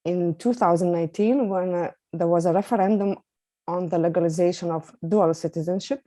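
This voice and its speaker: Mellow woman presenting. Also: on the low side, brisk, dry recording. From Lithuania. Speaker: journalist, invited speaker. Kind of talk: prepared webinar presentation.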